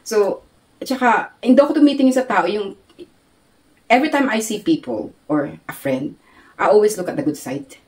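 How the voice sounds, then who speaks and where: A Filipino woman giving a casual interview, animated and laughing often as she talks. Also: medium pitch, normal speed, pauses often. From Philippines. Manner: animated, laughs often, mixes Tagalog and English. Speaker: interview guest.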